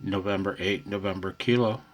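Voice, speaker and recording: A deep-voiced American man talks at a moderate pace and steady tone during a casual ham radio conversation, recorded very noisily on a handheld phone for his channel. He comes across as friendly, chuckling and often calling people "man."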